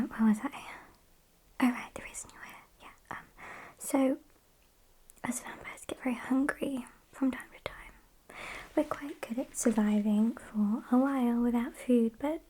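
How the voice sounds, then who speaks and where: A British woman plays a sassy, smug female vampire, speaking in a soft, breathy ASMR whisper full of hesitant pauses and mock-polite condescension. Her voice sits a little high and is exaggerated, the mood smug and matter-of-fact, and the recording is rough.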